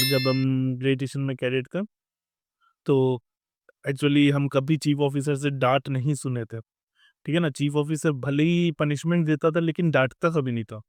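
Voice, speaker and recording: A man's voice: medium pitch, dry recording, studio quality. A young man tells a casual story about life at sea and keeps dropping "theek hai" and "matlab" as he goes. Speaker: merchant navy officer sharing advice.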